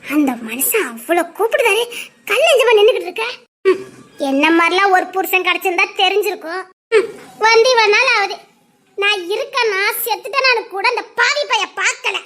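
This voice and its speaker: A woman's voice: very high voice, lively intonation, brisk, a bit bright. A woman playing an emotional, pleading young village wife in a melodramatic drama, speaking with a Tirunelveli Tamil accent. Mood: scolding.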